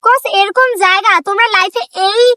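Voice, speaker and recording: A woman's voice: extremely high pitch, moderate pace, bright, forceful tone, a little hiss or hum. A woman chatting casually outdoors with her friend, correcting her offhandedly. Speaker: vlogger's travel companion. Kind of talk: casual chat. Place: outdoors on a hillside.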